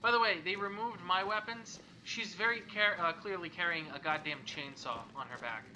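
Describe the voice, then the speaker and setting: A man's voice: high voice, moderate pace, bright, forceful tone, a little hiss or hum, low-quality recording. A man casually commenting on a video game as a let's play host, rambling and joking. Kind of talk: gameplay commentary.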